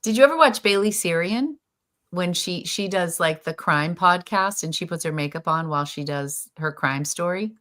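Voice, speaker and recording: A woman with a low-pitched voice co-hosts a casual live stream from a video call. She is chatty and enthusiastic and laughs easily. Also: moderate pace, a bit bright. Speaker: co-host.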